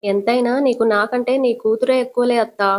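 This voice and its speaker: A lady doing a gentle young guy calming his aunt down, soft coaxing. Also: a little high, brisk, natural voice. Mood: reassuring. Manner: soothing, coaxing. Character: calm reassuring young man, caring nephew.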